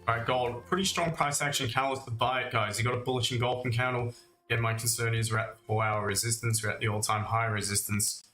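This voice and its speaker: On a live trading stream, a medium-pitched man talks fast in a steady tone that comes across pushed and bright. He's chatty about the markets, speaks directly to his viewers as mates, calling them "mate" and "guys," and is recovering from a cough and lost voice. His room echoes, with faint music playing.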